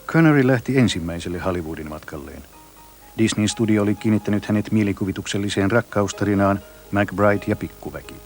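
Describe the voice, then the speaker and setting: A man narrating a documentary in an even, informative scripted read. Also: on the low side, fast. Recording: voice-over with faint music.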